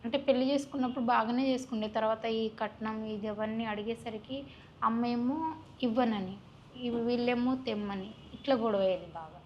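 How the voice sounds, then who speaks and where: A woman's voice: fairly high pitch, moderate pace, a little hiss or hum. A young woman, recounting her personal story in a plaintive, heartfelt way as an interview guest. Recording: muffled recording.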